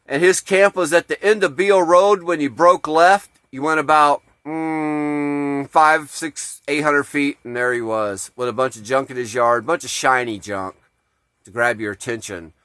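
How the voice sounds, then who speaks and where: A man's voice: on the high side, moderate pace, fairly bright tone, clear, resonant tone, dry recording. A man telling a story in a casual, rambling way, with plenty of swearing. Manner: profane, laid-back, rambling. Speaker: off-grid vlogger.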